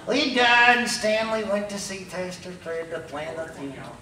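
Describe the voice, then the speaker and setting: A man's voice: high voice, expressive, normal speed, bright, forceful tone. A man voicing a folksy, chatty hillbilly puppet with a Kentucky accent, rambling through drawled tall tales in a comic ventriloquist act. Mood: gossipy, folksy. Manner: drawling country idioms, rambling. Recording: echoey room, distant mic, faint noise.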